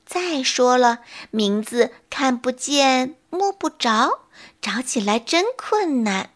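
A woman reading a bedtime story aloud in a soft, tender way. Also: sits high, animated, slow pace.

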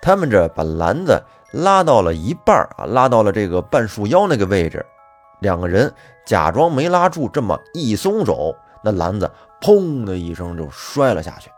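A man telling a folk tale in a lively, colloquial manner with plenty of fillers. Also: on the low side, normal speed. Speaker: storyteller. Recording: faint music behind.

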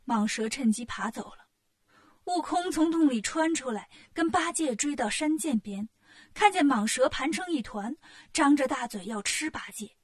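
A woman reading a children's storybook aloud, narrating in a lively, expressive way. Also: high voice, moderate pace.

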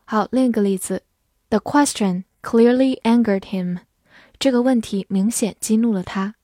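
A woman English teacher giving a scripted vocabulary lesson, spelling words letter by letter and reading example sentences slowly. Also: a little high, dark tone, no echo, studio quality.

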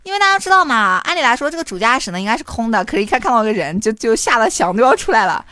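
A young woman with a fairly high voice recounts a comic story as a show host. Her pitch swings widely and expressively, and she keeps breaking into giggles. She cusses casually as she goes. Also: sing-song, racing, pushed and bright, no echo.

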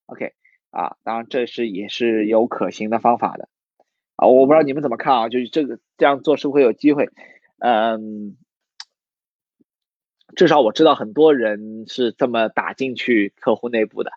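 A man's voice: medium pitch, normal speed, darkish tone, no room sound, dull audio. Man, recruitment sales trainer, casual livestream lesson, hesitant fillers, questions to viewers, dry close sound. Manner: conversational, many fillers and restarts, asks the audience questions. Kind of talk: livestream teaching talk.

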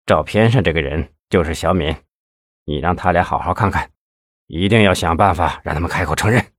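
A man voicing a scheming, cold male police boss who speaks low and menacing in an audiobook. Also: brisk, breathy edge, no room sound, clean studio sound. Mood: hushed.

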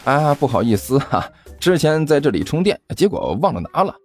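A man's voice: fairly high pitch, big pitch swings, a little fast, darkish tone, soft background music, voice pushed up. A man voicing a sly male landlord who chats in a falsely cheerful way in an audiobook. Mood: fake-friendly. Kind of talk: audiobook character voice.

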